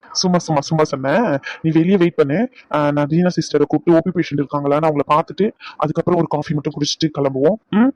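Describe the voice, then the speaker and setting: A man's voice: fairly high pitch, fast, darkish tone, no room sound, natural voice. A man voicing a young male doctor who teases and scolds his bride-to-be in a dubbed serial drama. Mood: teasing. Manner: teasing, scolding banter. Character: young male doctor, teasing and bossy lover. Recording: dull dry recording.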